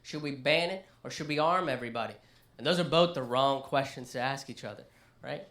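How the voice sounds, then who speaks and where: A male comedian doing a live stand-up set in a small listening room, ranting and animated. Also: medium pitch, brisk, reverberant.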